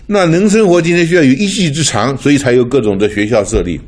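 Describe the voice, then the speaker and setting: A man's voice: medium pitch, fast talker. An older man from Taiwan preaching in a chatty, storytelling way, laughing often and mixing in English words. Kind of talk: sermon with personal stories.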